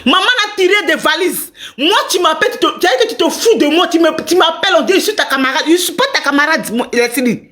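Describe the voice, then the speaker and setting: A woman's voice: high voice, lively intonation, quick pace, fairly bright tone. A middle-aged woman hosting a live stream, ranting angrily at a rival and talking straight to her viewers. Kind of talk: heated live-stream rant.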